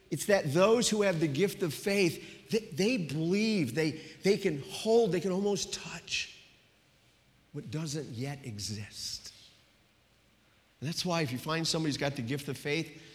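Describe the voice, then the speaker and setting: A male pastor delivers a storytelling sermon, his voice sitting a little high for a man. He sinks to a hushed tone for the personal moments. The sound carries a long reverb, as in a church hall.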